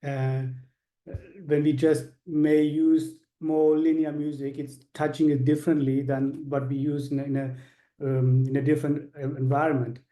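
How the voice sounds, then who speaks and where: A man's voice: fairly high pitch, level tone, normal speed, dark tone, reverberant. A man from Sri Lanka, a course participant, sharing his thoughts on a video call in a rambling way, with many fillers.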